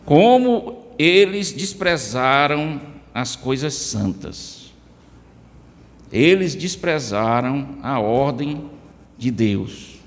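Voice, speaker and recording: A man's voice: medium pitch, big pitch swings, drawn-out words. A man from Brazil with a Brazilian Portuguese accent preaching a sermon in church, addressing listeners by name with emphatic rises. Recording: church hall reverb.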